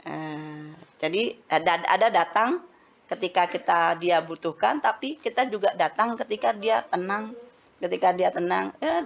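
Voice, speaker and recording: A woman speaks at a parenting seminar, explaining patiently and calling her listeners mothers. Her voice sits at an ordinary pitch. The recording is slightly dull and lo-fi. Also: creaky. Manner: explanatory, addresses mothers as Bun.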